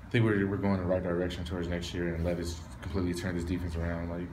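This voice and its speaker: A young man, a college football player, answering postgame questions in a low-key, candid way from a stadium hallway. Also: little pitch movement, very fast, noisy background. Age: young adult. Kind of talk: postgame press interview. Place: hallway of a stadium in front of a sponsor backdrop. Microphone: reporters' recorders held close.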